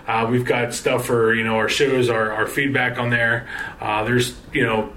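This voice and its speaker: A man's voice: medium pitch, little pitch movement, pushed and bright, slight background noise, poor audio. Tired, rambling male podcast host. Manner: rambling, halting sign-off with many fillers. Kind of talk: casual sports podcast chat.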